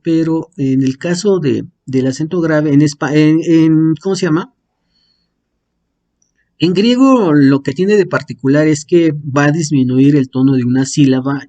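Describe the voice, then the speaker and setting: Male teacher; warm, mellow tone, fairly high pitch; hesitant, filler-heavy delivery with everyday comparisons. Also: lo-fi sound. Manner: hesitant, many fillers and restarts; uses homely comparisons. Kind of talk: explaining Greek accents to a class.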